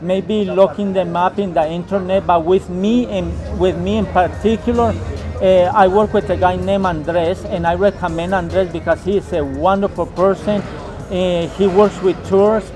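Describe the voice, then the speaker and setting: Outdoors on some stairs in a city neighborhood, a high-voiced man answers questions slowly, with lots of fillers and repetition. He's from Colombia but grew up in the United States, and he works as a local guide and English teacher.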